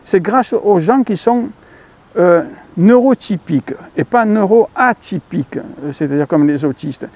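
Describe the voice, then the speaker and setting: A man's voice: high-pitched, animated, unhurried, darkish tone. A man with a French accent hosting his own channel, talking in a rambling casual monologue full of fillers and self-corrections, calling viewers dear friends. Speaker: YouTube channel host.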